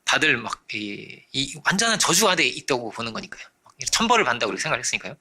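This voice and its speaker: Korean-style pastor guy preaching, super bright sharp voice, pitch jumping all over, animated. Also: rapid-fire. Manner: animated, acts out quoted voices; frequent rhetorical checks to congregation. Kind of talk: sermon.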